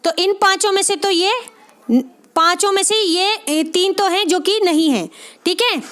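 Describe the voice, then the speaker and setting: Woman tutor, very high pitch, encouraging exam-prep teacher, constantly checks for understanding. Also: fairly bright tone. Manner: encouraging, repeats "ठीक है?" after nearly every phrase; spells out sounds slowly one by one. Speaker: Hindi literature exam tutor. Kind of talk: spoken exam-prep lesson.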